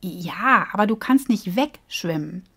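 A woman's voice: medium pitch, expressive, unhurried, fairly bright tone, husky, full character voice. A woman voicing Bo, an earnest young fish who speaks bluntly and insistently. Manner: insistent and scolding.

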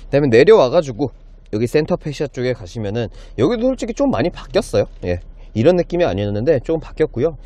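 Man with salesman patter, lively pitch swings. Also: fast talker, dry recording. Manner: polite salesman patter, enthusiastic selling. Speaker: used car dealer presenting a car. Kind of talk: car sales walkaround, casual presenting. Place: inside a car and in an underground car park.

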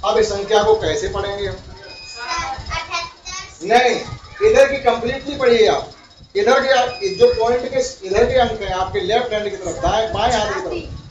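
A man's voice: high voice, moderate pace. A male primary school teacher giving a classroom lesson, asking his pupils questions and repeating their answers. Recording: roomy, far-off, dull, slightly noisy.

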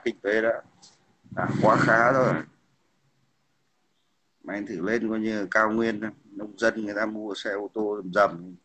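On a heated political livestream, a male host rants combatively, hurling insults and repeatedly demanding "hiểu không?". His voice is fairly low and a bit bright.

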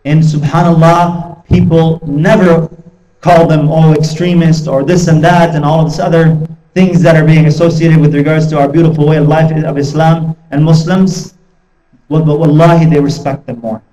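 A man giving a Friday sermon, telling stories in a slow, earnest way and weaving in Arabic phrases. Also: on the high side, level tone, dark tone. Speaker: khatib, preacher. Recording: roomy hall, distant mic.

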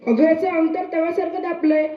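A high voice playing a scolding reformer husband. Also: female voice, flat delivery, brisk. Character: reform-minded husband, scolding but supportive. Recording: echoey hall, dull sound.

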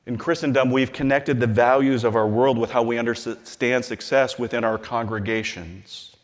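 Earnest bishop preaching in a reverberant hall. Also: male voice, medium pitch, fairly even intonation. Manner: measured and earnest, slowing and softening on scripture. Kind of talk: sermon-style convention address. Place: large hall, at a lectern on a stage.

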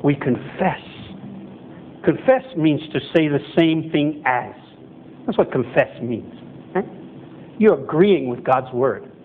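A man's voice: fairly high pitch, animated, slow, pauses often. Chatty male pastor, tinny lo-fi sound. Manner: conversational, self-correcting, acts out quoted voices. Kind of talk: sermon. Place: church chapel hall with projector screen, indoors. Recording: tinny phone-like sound with faint noise.

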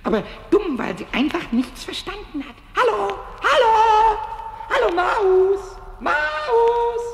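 High squeaky little kobold, stammers n giggles, radio play, echoey room. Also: male voice, big pitch swings, moderate pace, slight background noise. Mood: coaxing. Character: mischievous little male kobold, childlike and excitable. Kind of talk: vintage radio play acting.

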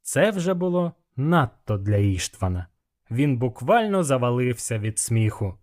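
A male audiobook narrator reading a fantasy story in the first person. His voice sits at a middle pitch, and the telling is even and measured.

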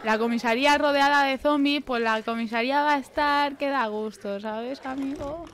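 This gaming streamer is a young Spanish woman with an accent from Spain, playing a horror game while swearing freely and addressing the on-screen characters. She speaks at normal speed in a high-sitting, fairly bright voice.

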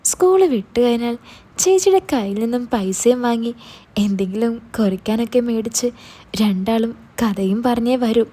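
Breathy woman telling a gentle story. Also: a little high. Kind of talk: narrating an emotional story.

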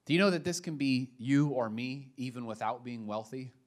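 A male pastor with a mid-range voice preaches a sermon at normal speed, emphatic and sprinkled with casual slang, swinging between quiet asides and loud punches.

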